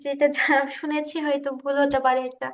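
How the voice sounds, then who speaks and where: A nervous student presenter demonstrates a video upload over an online video call, her delivery flat and fairly quick as she hesitates and puts herself down. The informal tutorial comes through as muffled, low-fi online meeting audio.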